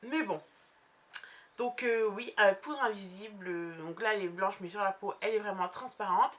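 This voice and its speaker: Chatty, bright-voiced young woman vlogger. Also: mid-range voice, moderate pace. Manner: chatty, rambling, many fillers and restarts. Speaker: beauty vlogger. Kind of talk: casual makeup haul review.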